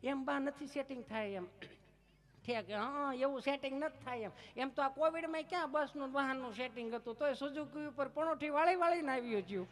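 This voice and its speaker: A man telling comic folk stories on stage at a village gathering, teasing and lively. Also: very high-pitched, a little fast, few pauses. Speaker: folk storyteller and comedian.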